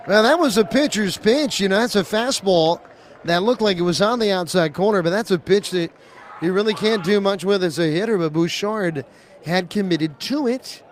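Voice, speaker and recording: A man calling a baseball game as play-by-play announcer on the radio, rising to excited calls on big pitches. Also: a little hiss or hum.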